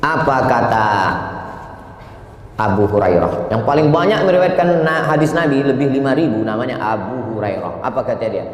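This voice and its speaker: Preacher in a reverberant hall. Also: male voice, moderate pace. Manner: animated storyteller, jumps to high voice for quotes. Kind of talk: sermon. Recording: reverberant hall with faint ambience.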